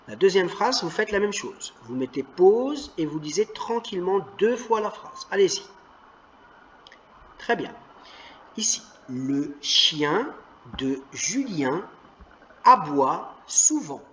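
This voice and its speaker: Male primary teacher, lively, higher voice, patient, reads word by word for kids. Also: slight background noise. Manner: slow, clearly stressed word-by-word reading; patient, encouraging teacher talk. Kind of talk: reading lesson for children.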